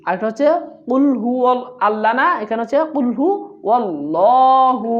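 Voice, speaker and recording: Patient woman teaching recitation slowly. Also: fairly high pitch, steady tone. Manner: drawn-out model phrases, explaining letter sounds patiently. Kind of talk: step-by-step pronunciation lesson. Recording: slightly dull lo-fi recording.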